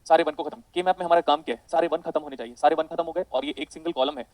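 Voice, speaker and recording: Fast-talking male physics teacher. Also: a little high, no room sound, poor audio. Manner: rapid, animated, addresses students as beta. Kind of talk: online lecture with digressions.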